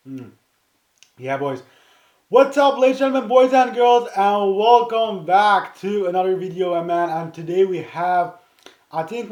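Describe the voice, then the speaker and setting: Excitable gamer man, roomy sound. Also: a little high. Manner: repeats "man" at the end of phrases; excitable, with a loud hyped greeting. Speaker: gaming YouTuber. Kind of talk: casual gameplay commentary.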